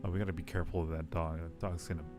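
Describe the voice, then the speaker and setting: This man's voice is deep, his tone level, and his delivery rapid-fire. While live streaming a game, he reads the text aloud and muses in casual chat with viewers over background music.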